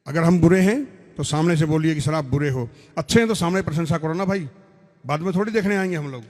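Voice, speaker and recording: A man's voice: fairly high pitch, fast, a little mellow. A veteran soldier giving an earnest, blunt talk to an audience, telling his own story. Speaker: army veteran speaker. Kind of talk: speech to an audience. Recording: reverberant hall.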